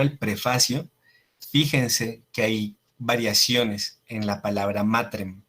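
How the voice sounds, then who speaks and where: A man gives a Latin lesson at an unhurried, deliberate pace, with a Latin American Spanish accent. He spells out phrases carefully and keeps checking with his students. His voice sits at a plain middle pitch. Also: a bit bright. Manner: slow, deliberate, frequent checking questions ("¿sí?"). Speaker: Latin teacher. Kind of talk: classroom lecture over slides.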